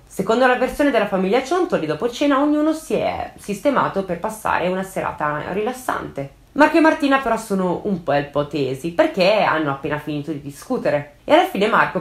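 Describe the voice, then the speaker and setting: A woman narrating a true-crime case in a dramatic, suspenseful way, adding her own comments, recorded in an echoey room. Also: mid-range voice.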